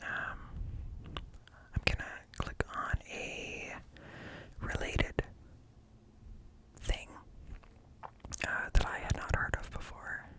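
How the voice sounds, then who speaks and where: Up close on a stereo microphone that spans ear to ear, a man softly whispers encyclopedia articles for ASMR, breaking his reading into short, paused phrases.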